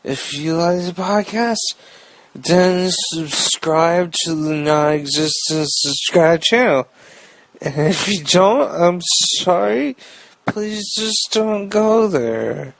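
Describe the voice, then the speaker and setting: A young man with a slightly high voice riffs on the news in a loose, rambling monologue. He talks slowly and drops puns as he goes. The sound is dry and close. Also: no room sound. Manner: rambling, jokey, fond of puns. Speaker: podcast host. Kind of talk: improvised comic news monologue.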